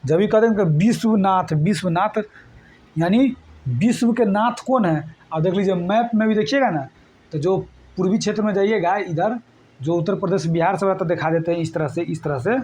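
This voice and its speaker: A man's voice: high-pitched, moderate pace, darkish tone, a little hiss or hum. A man teaching an exam current affairs lesson, repeating memory tricks and coaxing his students along. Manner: repetitive, coaxing, addresses students as friends.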